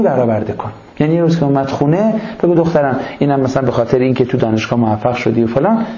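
A man giving sermon-style advice to parents. He talks in an animated way, asks rhetorical questions and lists his points one by one. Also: medium pitch, echoey room, dull audio.

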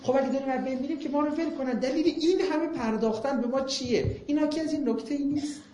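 A man's voice: very high-pitched, warm tone, a little hiss or hum. A man giving an impassioned public talk, firing off rhetorical questions and mocking remarks, then taking questions from the audience. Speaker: lecturer. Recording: echoey room.

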